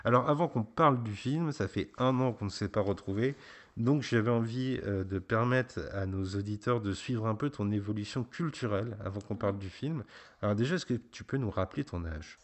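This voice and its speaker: A man hosting a casual film podcast, gently prompting his child with questions and often pausing to hesitate. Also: lowish voice. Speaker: podcast host; father interviewing his child.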